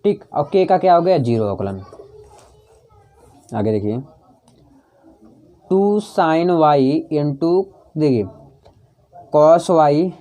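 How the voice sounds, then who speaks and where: A man's voice: fairly high pitch, animated, very slow, pauses often, warm tone. A man teaching a maths lesson as a tutorial, coaxing students along, repeating each step and asking rhetorical questions that he answers himself. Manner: coaxing, repeats steps to drive them home. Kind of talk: chalk-and-talk tutorial explanation.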